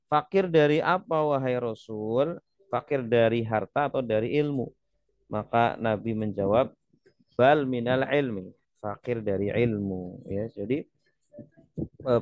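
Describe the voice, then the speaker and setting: A man's voice: fairly low pitch, creaky, no room sound, muffled recording. A man teaching Quran reading in a webinar. He tags his points with "ya" and stretches out the Arabic words he recites as examples.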